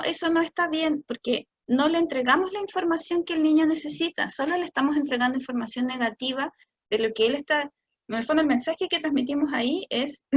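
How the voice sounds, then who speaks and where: A Chilean woman speech therapist giving a talk to parents, explaining patiently and stretching words out slowly to demonstrate them. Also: high-pitched, highs cut off. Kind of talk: online talk for parents answering questions.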